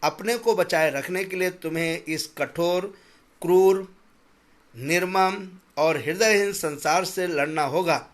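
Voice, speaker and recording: A man's voice: sits high, slow pace. A man doing a stern, pedantic master of the house. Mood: lecturing. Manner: pedantic, then shouting and stammering in anger. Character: stern, calculating male employer lecturing his governess.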